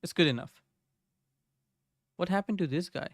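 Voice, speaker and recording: A young man streams live from his home desk, thinking aloud while he codes and greeting viewers in chat in a casual live-coding style. His voice is high-pitched and moves at a normal speed. The desk microphone gives a dry, studio-quality sound.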